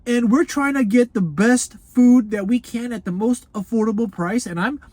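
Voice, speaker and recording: With a warm, medium-pitched voice at normal speed, a Los Angeles food review show host keeps things chatty and folksy in an unscripted video on a dry recording. The host calls viewers grandchildren, speaks of self in the third person, and laughs often between remarks.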